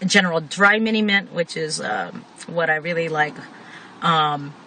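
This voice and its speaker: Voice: mid-range voice, measured pace, sharp tone. A person giving a casual, rambling product review in a chatty way, talking with a tobacco pouch tucked in the upper lip. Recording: noticeable background noise.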